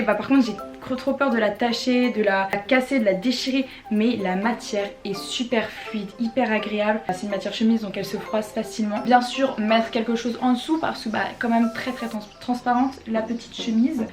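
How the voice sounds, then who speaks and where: A young woman from France chatting casually about her shopping haul as a vlogger, slangy with quick asides. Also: fairly high pitch. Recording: echoey room with faint music.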